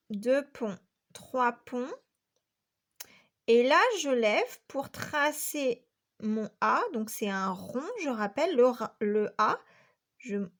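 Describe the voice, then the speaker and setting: A woman's voice: high voice, fairly bright tone. A woman teacher from France giving a patient, step-by-step handwriting lesson to young children, counting each stroke aloud. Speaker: primary school teacher.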